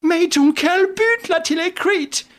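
A woman voicing a frightened, bumbling male sidekick in an audiobook, with a very high, quavering, strained voice and drawn-out wailing protests. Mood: whimpering. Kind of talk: audiobook character voice.

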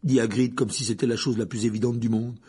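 A man narrating an audiobook in an expressive storytelling manner. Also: medium pitch, quick pace, slightly rough. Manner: expressive storytelling, voices the characters.

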